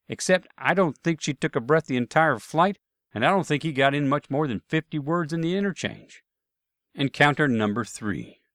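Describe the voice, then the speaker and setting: A man's voice: medium pitch, a bit bright, no room sound, studio quality. A man narrating a first-person travel anecdote with wry, self-deprecating humor. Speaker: storyteller.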